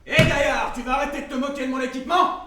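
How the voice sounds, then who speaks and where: A man with a very high, sharp voice and fairly even intonation talks fast, declaiming as a vain, pompous general who takes offense easily in a stage comedy. He sounds vain and indignant, heard from far off in an echoey hall with faint noise.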